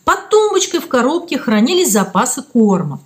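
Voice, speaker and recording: A woman narrating a children's story in an expressive storytelling manner. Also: sits high, normal speed. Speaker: reader.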